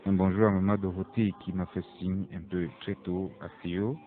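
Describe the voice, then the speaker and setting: Deep voiced guy cohosting radio, cheerful shoutouts, thin phone-like audio. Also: flat delivery, moderate pace. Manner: cheerful, lists greetings. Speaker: radio show co-host. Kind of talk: radio show chat, greeting listeners. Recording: tinny lo-fi radio broadcast.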